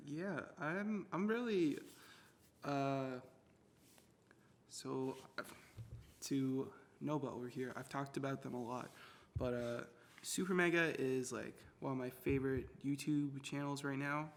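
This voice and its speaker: A man's voice: medium pitch, measured pace. A young man co-hosting a casual podcast with a playful, jokey manner, picked up by a shared mic in a room. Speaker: podcast co-host. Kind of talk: casual joking podcast chat. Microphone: one shared mic on a table.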